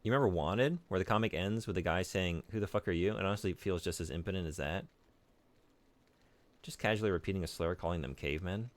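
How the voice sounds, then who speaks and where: A deep-voiced man talks quickly while streaming a video game, chatting casually and trading jokes with his chat as he plays.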